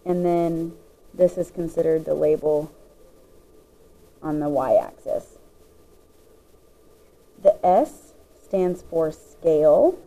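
A woman's voice: low-pitched, slow pace, long pauses, warm tone, rough recording. A woman teacher patiently explaining the parts of a graph, step by step, as she writes notes. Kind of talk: classroom lesson explaining graphs.

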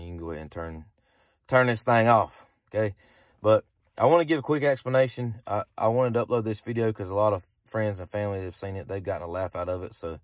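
A man's voice: sits low, no room sound, clean studio sound. A man, casually explaining a story to his phone camera from a parked car at night. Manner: easygoing, rambling with restarts. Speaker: vlogger. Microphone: phone camera held close.

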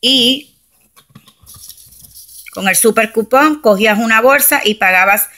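Her voice is bright, on the high side and a little slow: a couponing vlogger from Camden, New Jersey, USA, doing a casual haul walkthrough. She chats, explains each price step by step and mixes in English words while standing beside a shelf of groceries indoors at home, recorded on a handheld phone camera.

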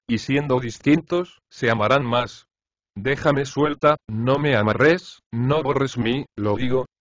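A man narrating an audiobook, reading letters from a novel in an expressive, measured first-person way. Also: mid-range voice, no room sound. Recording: slightly dull, lo-fi dry recording.

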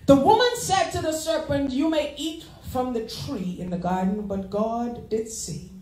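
Woman associate pastor, high voice, lively preaching, roomy sanctuary sound. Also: measured pace, slight background noise. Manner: preaching with call-and-response, animated and laughing. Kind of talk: sermon. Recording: echoey church sanctuary.

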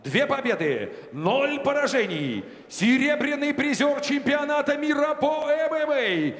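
Booming arena ring announcer, man. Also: big pitch swings, fairly bright tone. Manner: drawn-out booming name calls. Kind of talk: arena fighter introductions. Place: indoor fight arena. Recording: echoey arena hall.

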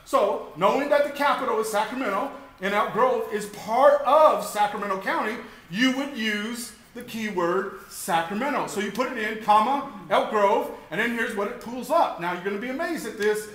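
High, bright-voiced energetic seminar speaker man. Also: moderate pace, hardly any pauses. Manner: energetic, emphatic, rhetorical questions. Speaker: keynote speaker. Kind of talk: motivational seminar talk. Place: hotel meeting room with audience.

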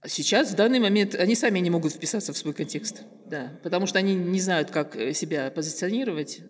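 In a bright room, an older woman from Kazakhstan sits at a stand-mounted table mic for a reflective interview as a guest artist. Her voice is slightly low and carries audible room reverb, and she speaks slowly, pausing a lot, using fillers, and hunting for words.

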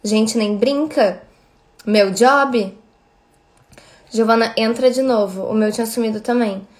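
A woman's voice: on the high side, slow. A woman in her thirties with a Brazilian accent, chatting casually on a livestream and thanking viewers by name. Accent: Brazilian Portuguese. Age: 30s. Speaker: livestream host.

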